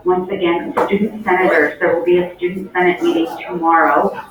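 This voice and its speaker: A school announcer reading the daily announcements over the intercom in a clear, measured way, repeating the key details. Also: medium pitch, level tone, dull audio, a crowd in the background. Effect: school intercom loudspeaker. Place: classroom, heard through a ceiling speaker. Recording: echoey distant loudspeaker in a noisy classroom.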